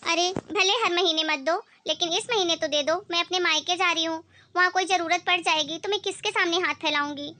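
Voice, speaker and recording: A woman's voice: extremely high pitch, fairly even intonation, brisk, bright, forceful tone. A woman voicing a meek young daughter-in-law who talks politely and pleadingly in a cartoon story.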